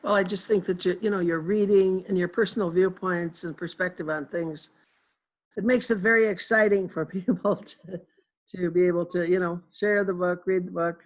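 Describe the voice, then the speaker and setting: A woman in the audience asking a question over a video call, warm and enthusiastic. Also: fairly low pitch, fairly even intonation, normal speed, rough recording. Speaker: audience member.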